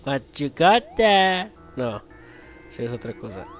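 A young man, commentating a video game as he plays, swearing loudly and laughing often at what happens on screen. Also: medium pitch, very animated, slow, soft background music. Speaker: gameplay commentator. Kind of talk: let's play commentary.

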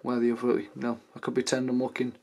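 A man's voice: medium pitch, completely flat delivery, quick pace, vocal fry, a little mellow, a little hiss or hum. A young man from England, talking casually to his camera in a rambling vlog rant. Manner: chatty, rambling, acts out drunk anecdotes in raised voices. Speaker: vlogger. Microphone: camera mic.

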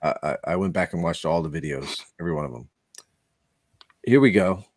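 A man with a very deep voice hosts a relaxed hobby chat. He talks with eager enthusiasm, often restarting his sentences. The sound is dry and close. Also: brisk, no echo. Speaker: podcast host. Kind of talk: casual chat.

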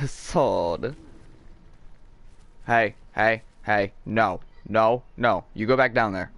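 A hoarse young man giving excitable, profanity-filled commentary while streaming a game live and chatting with viewers. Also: on the low side, very slow, no echo. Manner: excitable, swears a lot, talks to chat. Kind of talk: casual live gameplay commentary.

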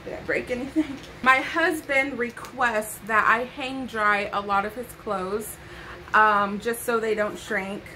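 Young woman, sassy haul chat, bright forceful voice, slightly high, bedroom, close camera mic. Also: steady tone, a little slow, slight background noise, low-quality recording. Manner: sassy, playful asides, chatty. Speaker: vlogger.

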